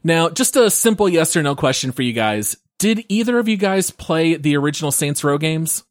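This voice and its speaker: A man's voice: on the high side, lively intonation, moderate pace, no room sound, studio quality. A man hosting a gaming podcast, upbeat and organized as he introduces the segment. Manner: upbeat, organized, leads the show. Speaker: podcast host. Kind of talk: casual podcast chat with scripted segment intros.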